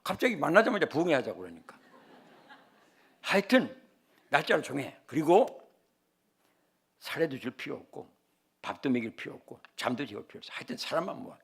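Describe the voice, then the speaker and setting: Older gravelly-voiced Korean pastor preaching. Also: male voice, fairly high pitch, a little fast, pauses often. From Chungcheong, South Korea. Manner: animated preaching with humorous personal stories. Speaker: senior pastor. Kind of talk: sermon.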